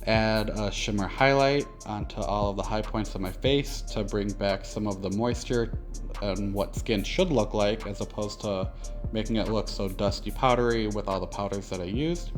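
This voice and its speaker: A man with a lisp and slushy s sounds, giving a casual, conversational step-by-step makeup tutorial as a drag performer. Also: on the low side.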